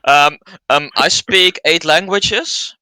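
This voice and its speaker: A man's voice: fairly high pitch, slow pace, bright, forceful tone, clear, resonant tone, no room sound, rough recording. A man with a Flemish accent playing in a tabletop game, stammering and repeating words. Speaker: player.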